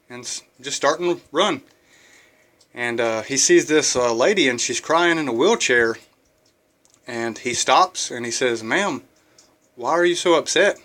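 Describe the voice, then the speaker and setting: A man's voice: medium pitch, fairly bright tone. A man telling jokes casually to his viewers, folksy and full of filler uhs. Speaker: joke-telling vlogger.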